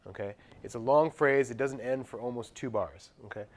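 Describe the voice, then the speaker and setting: This music teacher has a somewhat mellow mid-range voice and speaks at a moderate pace. During his lecture he quizzes the class and scats short passages as examples.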